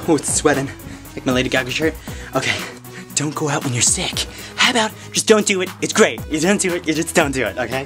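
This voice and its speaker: Young man, comic vlogger, flamboyant and profane, lively swooping pitch, close camera mic with background music. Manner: sassy, flamboyant, profane, sing-song emphasis. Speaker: vlogger giving comic advice. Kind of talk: casual comedic vlog rant. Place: hot indoor room, below ground.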